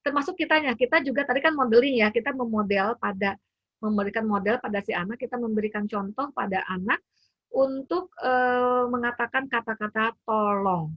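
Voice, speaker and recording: Brief: woman parent-speaker, chatty webinar teaching from home, slightly high voice, dull dry call audio. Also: normal speed, dry recording, soft background music. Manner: chatty, fillers and acted quotes of parent and child. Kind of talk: informal teaching talk. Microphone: computer mic on a video call.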